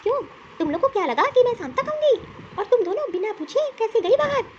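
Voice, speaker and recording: Cartoon mother-in-law, older and bossy, shrill and commanding, a woman voicing her, faint hiss behind. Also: big pitch swings, quick pace, muffled recording. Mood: scolding. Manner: scolding, commanding. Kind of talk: cartoon story voice acting.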